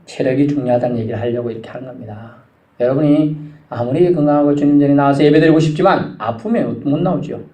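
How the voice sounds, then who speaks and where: A male pastor preaching a sermon, animated, his voice climbing high when he stirs the congregation. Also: quick pace. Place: church sanctuary. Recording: echoey church sanctuary.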